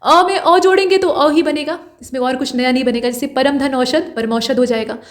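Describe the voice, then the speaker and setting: A woman's voice: sits high, fairly quick. A woman teaching a grammar lesson for exam preparation, explaining step by step and repeating key points.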